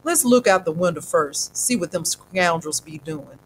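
Woman doing weathered old man, calm, folksy, wry, unhurried, low-key. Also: slight background noise, lightly acted, rough recording. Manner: slow, folksy old-timer speech.

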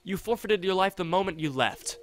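A man's voice: high voice, lively intonation. A man reading the lines of a sneering male cult assassin in a video game, cold and menacing. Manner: contemptuous, slow and threatening. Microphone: desktop USB condenser mic.

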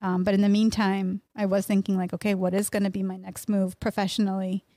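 Her mid-range voice is warm but flat and brisk as this Mexican-born pastry chef and bakery owner from Miami talks casually on a podcast. The middle-aged guest sits close to a studio mic on a boom arm, wearing headphones, in a small indoor room with no room sound.

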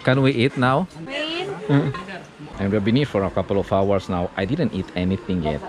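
A man's voice: fairly low pitch, moderate pace, a crowd in the background. Wry man vlogging on a handheld camera. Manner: wry, deadpan asides. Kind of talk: casual vlog narration. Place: open-air restaurant terrace. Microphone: action camera held at arm's length.

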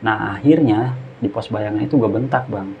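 Guy, low voice, casual slang storytelling, kinda muffled w a bit of hiss. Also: moderate pace, vocal fry. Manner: slangy Jakarta-style speech, acts out dialogue. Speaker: guest storyteller.

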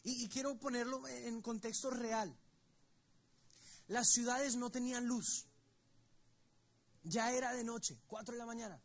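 A man's voice: extremely high pitch, unhurried, pauses often. A man preaching a sermon to his church, telling the story with emphasis and speaking straight to the congregation. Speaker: pastor. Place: church service.

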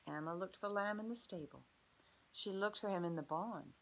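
A woman preschool teacher gently reading a picture book aloud to children and asking them questions about the pages. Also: mid-range voice, normal speed, low-quality recording.

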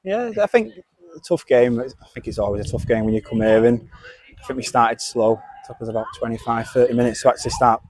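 A man's voice: medium pitch, fairly quick, a little mellow. A young man, a footballer giving a post-match interview outdoors at a ground on a lapel mic, adding tag questions.

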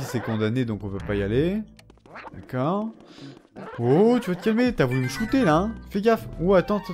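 A young man gives casual commentary over a video game, chatting to the characters and breaking into excited yelps. His voice sits at an ordinary middle pitch. Faint game music plays underneath. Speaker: let's play gamer.

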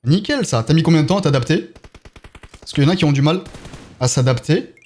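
A young man with a French accent talks through a live game stream, reading out viewer chat and answering it between rounds. His voice sits a little high and swings up and down with a lot of life. Faint gunfire from the game runs underneath. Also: lively intonation, brisk, darkish tone, slight background noise. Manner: chatty, reads and answers viewer chat while playing.

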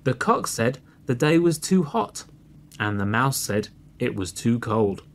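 Slow, lively male storyteller. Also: medium pitch. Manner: slow and expressive, clearly read for learners. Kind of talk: storybook reading.

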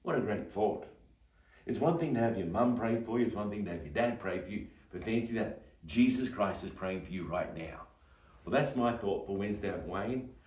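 Male pastor, short devotional, earnest storyteller, lowish voice, roomy sound from a distant mic. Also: animated, moderate pace, a little mellow.

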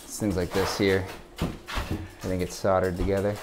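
With a deep, flat, unhurried voice, a builder leads a walkthrough of an indoor renovation site's bare rooms, casually describing construction details he points out. He records on a head-mounted action camera, and background noise is heavy.

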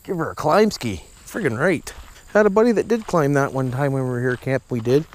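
Brisk and lively in intonation, with a medium-pitched voice, a man from rural Ontario chats casually to camera outdoors at a campground near a trail and lake. His Canadian talk is folksy, peppered with repetitive slangy tag questions, and the handheld action camera audio is windy and noisy.

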